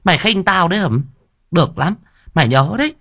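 A man's voice: sits high, a little slow, no echo, studio quality, voice pushed up. A man voicing a scheming middle-aged stepmother who screeches, wails and nags. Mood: scolding. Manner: screeching, wailing, nagging.

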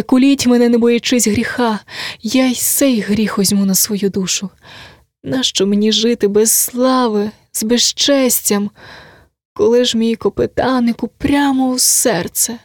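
A woman's voice: on the high side, no echo, clean studio sound. A woman voicing a desperate, heartbroken young village girl who laments and pleads on the edge of tears in an audiobook reading.

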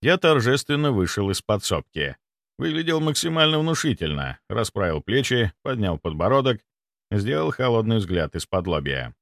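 A man narrating a first-person audiobook in an expressive, wry manner. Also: lowish voice, normal speed, gravelly, no echo, clean studio sound.

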